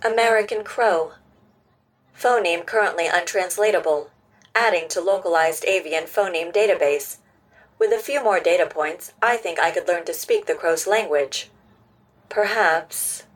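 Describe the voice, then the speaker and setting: A calm, precise robot. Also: female voice, fairly low pitch. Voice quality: measured, precise. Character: helpful female-voiced robot, calm and precise. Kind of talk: audio drama acting.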